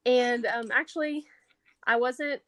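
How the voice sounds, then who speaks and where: Young college woman, halting with ums. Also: on the high side, fairly even intonation, no room sound. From East Texas. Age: 20s. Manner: soft-spoken, many ums and restarts. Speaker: guest, college senior. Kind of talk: casual interview.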